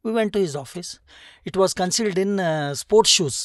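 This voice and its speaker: A person with a South Indian accent telling an anecdote as an interview guest, in halting short phrases with quoted dialogue. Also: mid-range voice, no echo, studio quality. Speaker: interview guest, retired customs officer.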